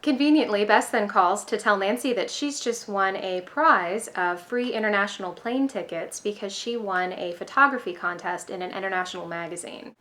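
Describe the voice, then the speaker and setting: Upbeat young woman doing a book review vlog, scripted, mid-pitched voice. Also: fairly bright tone. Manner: upbeat, enthusiastic.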